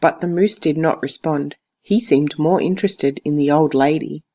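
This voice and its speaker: Teacher, storybook narration, expressive, deliberate, mid-range voice, slightly dull lo-fi recording. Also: medium pitch. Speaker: teacher reading to a class. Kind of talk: expressive picture-book read-aloud narration.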